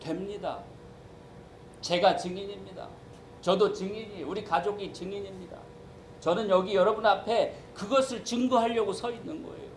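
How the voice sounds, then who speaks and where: A man's voice: high-pitched, fairly even intonation, moderate pace, slight background noise, rough recording. A man preaching a sermon as pastor, emphatic and acting out the voices he quotes.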